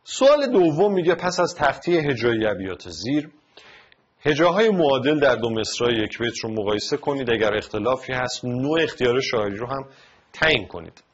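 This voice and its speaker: A man's voice: medium pitch, very animated, husky, highs cut off. A male teacher with an Iranian Persian accent gives a recorded lesson, breaking lines of verse into syllables one at a time. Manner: spells out words syllable by syllable. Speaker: literature teacher. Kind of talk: recorded lesson explaining poetic meter.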